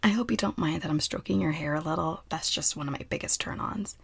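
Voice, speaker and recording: A woman in an ASMR role-play, playing a doting, teasing partner who soothes and coos to another adult in an intimate, breathy, husky voice. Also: low voice, quick pace, no room sound.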